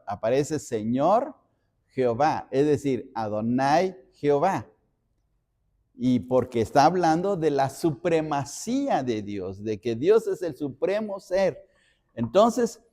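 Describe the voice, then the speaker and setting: Mexican pastor with a mellow voice. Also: male voice, fairly high pitch. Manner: explanatory, repeats phrases while reading references. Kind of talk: Bible study teaching.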